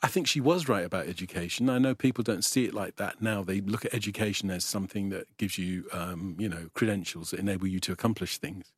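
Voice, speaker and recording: An older man talks in a low voice, weighing each thought and restarting phrases as he goes. The sound is dry and close, with no room around it. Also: quick pace, few pauses, husky, dry recording. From England. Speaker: guest professor. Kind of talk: reflective conversational interview.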